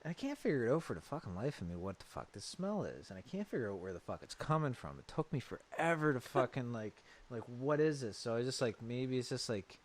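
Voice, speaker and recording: A man's voice: medium pitch, very animated, fast, hardly any pauses. A man co-hosting a casual podcast, laid-back, swearing often and laughing easily. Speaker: podcast co-host. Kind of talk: casual chat.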